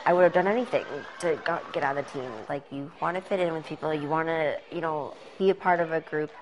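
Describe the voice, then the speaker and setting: A woman's voice: low voice, fast talker, slight background noise, low-quality recording. A young woman talking candidly and casually in a news interview, with "like" and "you know" sprinkled in. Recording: soft music underneath.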